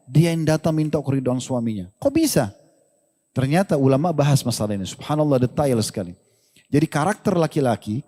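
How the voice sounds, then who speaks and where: Male religious teacher, animated Q&A sermon delivery, fairly high and mellow voice, long hall reverb. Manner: animated, joking, acts out quoted dialogue. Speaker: religious teacher answering questions. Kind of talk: lively Q&A sermon.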